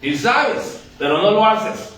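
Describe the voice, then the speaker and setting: A male pastor preaches in a conversational, joking way, acting out little scenes. His voice sits a bit high and sounds roomy and distant, with a faint hiss. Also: sing-song, fairly bright tone. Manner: joking, conversational, acts out quick dialogues. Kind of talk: lively sermon. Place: church sanctuary. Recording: very echoey church from a distance.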